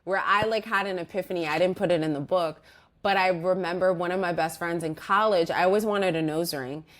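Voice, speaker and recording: A woman guest, an organizational psychologist, speaks briskly in a fairly low pitch during an interview. Reflective in tone, she strings together loose sentences with frequent restarts and many instances of "like" and "you know."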